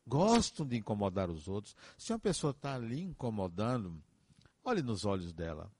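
A man's voice: on the low side, very animated, normal speed, a little mellow, slightly rough, no echo. A man, speaking as a counselor in a reflective, earnest monologue full of advice and emphatic repetitions.

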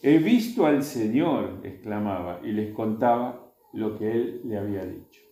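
A man's voice: fairly low pitch, animated, a little slow, dark tone. A man with an Argentine accent reading scripture aloud to a group and stopping to explain it in plain words. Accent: Argentine Spanish. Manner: reads aloud, then stops to add plain explanations. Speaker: Bible study teacher. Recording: echoey room.

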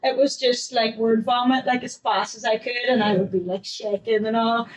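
A woman's voice: a little high, steady tone, moderate pace, rough recording. A young adult woman, a newly qualified fitness coach, chatting casually on a podcast, laughing often and acting out her past self.

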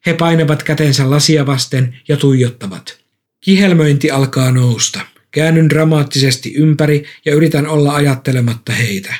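Man calmly reading a story. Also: fairly high pitch. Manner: calm, measured storytelling. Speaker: narrator. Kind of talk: first-person story reading.

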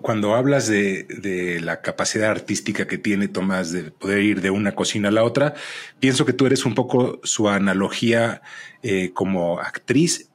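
A man's voice: mid-range voice, husky. A man co-hosting a podcast, thoughtfully building long questions for his guest. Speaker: podcast co-host. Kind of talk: casual podcast conversation.

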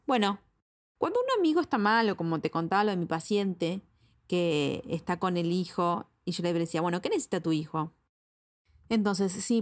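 A woman with an Argentine accent, a psychologist talking straight to the listener with advice and repeating words for emphasis. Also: medium pitch. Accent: Argentine Spanish. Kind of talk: advice talk to camera.

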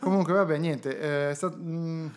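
Jokey man with a higher-pitched voice. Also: fairly even intonation, moderate pace. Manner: jokey, teasing banter. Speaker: podcast host. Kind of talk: casual comedic chat.

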